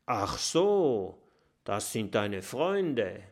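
A man voicing a huge, gruff jungle tiger in a children's story, who roars and then turns fawning. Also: fairly low pitch, sing-song, very slow, exaggerated voice. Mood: smarmy. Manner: loud roaring outbursts, then smarmy politeness.

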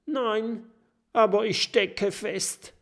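A high, squeaky little boy dragon, clumsy and a bit timid, pleading his way through a children's audiobook, as a man puts him on. His words come out slowly and meekly. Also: steady tone, a bit bright, exaggerated voice. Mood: strained. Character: small, clumsy boy dragon, a big eater.

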